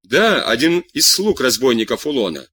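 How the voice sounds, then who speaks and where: A man voicing an eager, excitable young man who tells his news breathlessly and humbly. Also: mid-range voice, moderate pace, slightly rough, no echo, full character voice.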